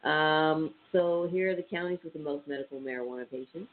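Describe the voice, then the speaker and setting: Through a tinny phone-line connection with a faint hiss, a man with a slightly high, nasal, congested voice briskly reads statistics on his laid-back radio show, stumbling over many ums and uhs.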